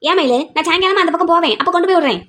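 A woman's voice: very high voice, very fast, a bit bright. A woman voicing a boastful, doting grandfather who bickers with his wife in a cartoon. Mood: bickering. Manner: teasing, bickering.

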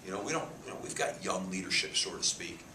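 Animated and quick, his voice sits low. The man, a head football coach in his fifties, answers at a press conference with emphasis, repeated words, and gestures. He's in a press room before a sponsor backdrop, captured by a table mic cluster amid echo and faint hiss.

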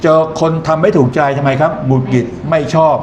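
A man's voice: on the high side, fairly even intonation, brisk, darkish tone, highs cut off, slight background noise. A man lecturing in an explanatory way, often posing questions to his listeners and then answering them himself. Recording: echoey room, faint ambience.

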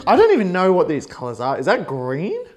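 Giggly tripping man, pitch swinging all over. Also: huge pitch swings, fairly quick, a little mellow, faint music behind. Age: young adult. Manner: tripping on drugs, giggly, rambling, sweary. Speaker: vlogger attempting a painting tutorial. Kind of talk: casual vlog chat.

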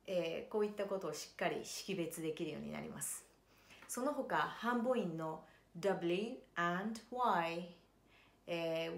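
A woman with a lowish voice and roomy sound introduces her jazz vocal pronunciation lessons calmly and explanatorily. She often pauses with fillers and slows down to model English words.

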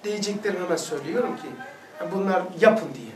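A man's voice: high-pitched, animated, quick pace, darkish tone, reverberant, far from the mic, slight background noise. A man teaching a religious lesson, exhorting his listeners and asking them rhetorical questions.

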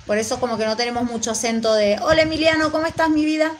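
Woman, Mendoza Argentine accent, high-pitched, affectionate livestream chatter. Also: fairly even intonation, racing, slight background noise, poor audio. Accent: Mendoza Argentine Spanish. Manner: chatty, affectionate, rambling with fillers. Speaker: vlogger reading live chat. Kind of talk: live stream chat.

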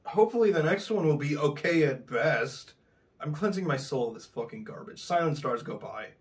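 A man's voice: on the high side, expressive, moderate pace, distant mic, slight background noise. A man reading a scripted book review, sarcastic and swearing when he is frustrated.

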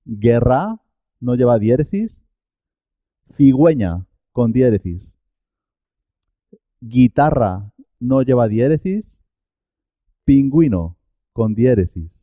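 Very slow, deliberate male language teacher. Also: medium pitch, lively intonation, no echo, narrow, tinny audio. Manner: drawn-out, carefully enunciated model words. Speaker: Spanish teacher. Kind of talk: slow, clear pronunciation lesson.

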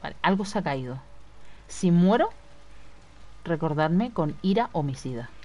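Young woman streamer, lively pitch, swears and shouts at enemies. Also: measured pace. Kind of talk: live gameplay commentary.

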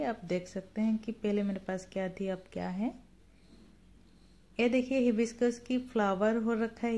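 A gardening vlogger with a mellow, mid-range woman's voice strolls through her home garden outdoors, filming her plants on a phone and chatting in an unhurried, casual way.

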